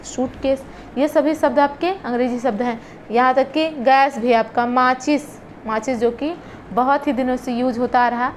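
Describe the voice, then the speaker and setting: A woman's voice: sits high, slight background noise. A woman teaching an exam-prep lesson, reading long lists of words with short explanations in between. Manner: reads word lists slowly, with short explanations.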